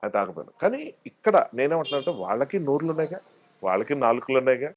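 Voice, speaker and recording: A man speaking, an actor talking as an interview guest. He tells his stories with life, dropping his voice low and then jumping up high whenever he acts out what someone else said. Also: fast, highs cut off, a little hiss or hum. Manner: animated storyteller acting out quoted voices. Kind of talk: casual storytelling interview.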